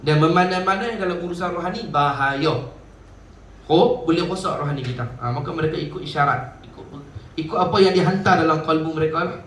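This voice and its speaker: A man's voice: a little high, a little fast, a little hiss or hum. A man preaching a sermon as a religious teacher, telling stories animatedly and acting out the voices he quotes. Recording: echoey room, distant mic, faint ambience.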